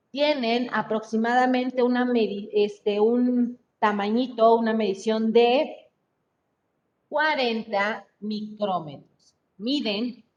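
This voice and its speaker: A woman teaching a biology class online in Mexican Spanish, explaining slowly and checking in with the students again and again. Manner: slow, explaining step by step, frequent checking "¿sí?". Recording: muffled lo-fi mic with faint rumble.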